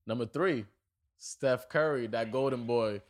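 A man hosting a casual podcast in a loose, slangy way. He laughs often and his voice sits in an ordinary middle pitch. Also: measured pace. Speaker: podcast host. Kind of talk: casual chat.

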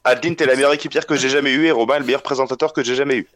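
A man's voice: mid-range voice, fairly even intonation, very fast, a bit bright. A man co-hosting a casual podcast, joking around with the others. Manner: playful, joking. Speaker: co-host.

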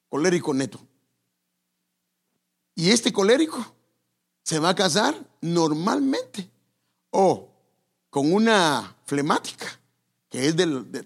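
Slow and sing-song, with long pauses and a breathy edge, this man's slightly high voice delivers a sermon on marriage. The pastor speaks conversationally, talking straight to his listeners and correcting himself along the way.

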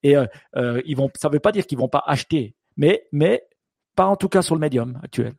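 A man's voice: a little high, animated, a little fast, gravelly, a little mellow, breathy edge, dry recording. A man co-hosting a podcast in casual chat, thinking aloud with many restarts and fillers. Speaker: podcast co-host.

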